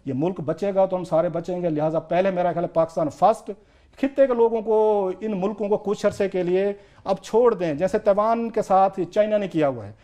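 A man with a Pakistani accent speaks as a political commentator on a televised talk show. His voice sits high for a man. He argues with urgency and drives his points home by repeating them. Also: a little fast, dark tone. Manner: urgent, emphatic, repetitive argument.

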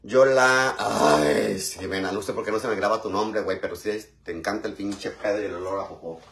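Mexican guy cooking live, cussing and shouting out viewers, lowish voice, faint sizzle behind. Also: a little fast, a little hiss or hum. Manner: slangy and crude, greets viewers by name. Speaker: live-stream cook. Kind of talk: casual live-stream chat.

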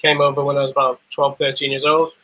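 A man from Zimbabwe, a bartender guest, telling his story in relaxed, rambling chat over a video call. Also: mid-range voice, fast, muffled recording. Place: dim room at home. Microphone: video call webcam.

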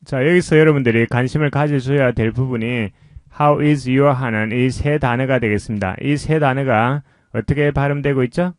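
A man teaching English pronunciation, explaining slowly and patiently in a lesson voice-over. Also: medium pitch, dry recording, clean studio sound.

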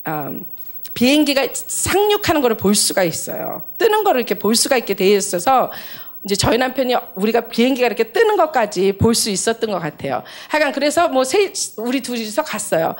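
A middle-aged woman shares a testimony from the pulpit, her voice sitting a touch high and swinging widely as she tells the story. She slips into the voices of the people in it and talks with an easy, animated warmth. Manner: animated storyteller, acts out dialogue with big pitch jumps and laughter. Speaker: missionary giving a testimony.

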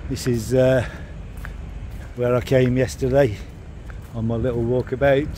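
Easygoing guy filming himself walking around at night, talks slow, loud traffic all around. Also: mid-range voice. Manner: relaxed, rambling with fillers. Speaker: vlogger. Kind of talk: casual vlog narration. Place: outdoors at night on city streets. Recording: noisy street recording. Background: street traffic noise.

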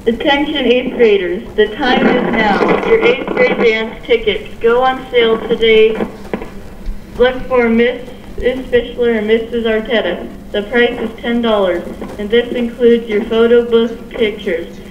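A woman reading school announcements in a steady, matter-of-fact way, heard over a school intercom speaker. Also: a little high, unhurried, a little hiss or hum. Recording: dull, echoey, distant intercom.

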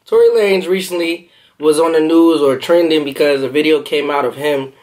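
A man hosting a mukbang, talking in casual slang while he eats, his voice hoarse and worn. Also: fairly high pitch, normal speed, darkish tone. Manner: slangy, chatty while eating. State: hoarse, lost voice. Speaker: mukbang host. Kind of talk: casual eating-show chat.

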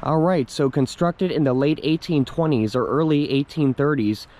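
A young man with a medium-pitched, slightly mellow voice narrates his hike casually for a vlog. Walking through a wooded park with a handheld camera, he admires the views and reads out a plaque.

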